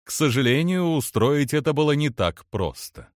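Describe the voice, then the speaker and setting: A man narrating an audiobook with expressive, lively storytelling. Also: fairly high pitch, moderate pace, no echo, clean studio sound. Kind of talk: scripted narration.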